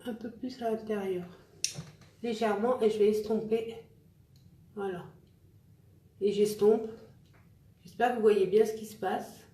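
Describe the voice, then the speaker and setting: A woman's voice: mid-range voice, fairly even intonation, a little slow, pauses often, mellow, roomy sound. A woman chatting casually with viewers while she demonstrates a makeup look, joking about herself as she works. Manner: chatty, self-mocking, talks to viewers while applying makeup. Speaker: makeup vlogger. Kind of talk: casual makeup tutorial livestream.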